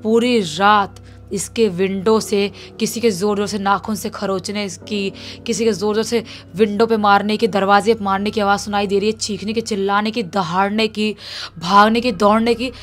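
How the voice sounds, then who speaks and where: A woman's voice: mid-range voice, fairly even intonation, moderate pace, faint music behind. A woman telling a horror story as a storyteller, building suspense as she narrates. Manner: suspenseful, rising with intensity.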